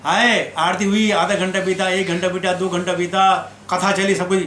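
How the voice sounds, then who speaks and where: A man teaching scripture as a sermon, telling stories lively and acting out the quotes. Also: sits high, moderate pace. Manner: animated storyteller who acts out quotes. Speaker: spiritual teacher. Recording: echoey room with background noise.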